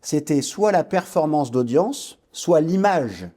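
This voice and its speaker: A man in his forties from French Guiana, a guest entrepreneur on a podcast, slowly recounts his career with lively intonation in a warm, fairly high voice. He hesitates and restarts often as he reflects.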